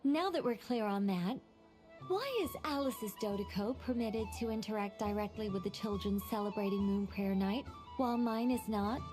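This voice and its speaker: A woman's voice: mid-range voice, normal speed, close to an everyday voice. A woman voicing a wordy, exacting magician in a video game, formal, articulate and haughty. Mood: indignant. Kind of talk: anime-style video game character acting. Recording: music behind voice.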